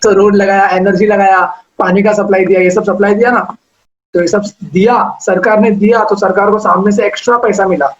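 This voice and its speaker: A man's voice: high voice, steady tone, brisk, highs cut off. A male teacher giving a lecture, explaining step by step and asking questions that he answers himself. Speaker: commerce teacher. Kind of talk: classroom lecture.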